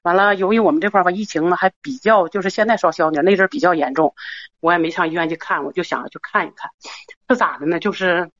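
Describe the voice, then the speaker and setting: A woman's voice: lowish voice, quick pace, fairly bright tone, dry recording, muffled recording. A middle-aged woman, calling in to an advice show and rambling nervously with many restarts. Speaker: caller. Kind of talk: call-in advice talk.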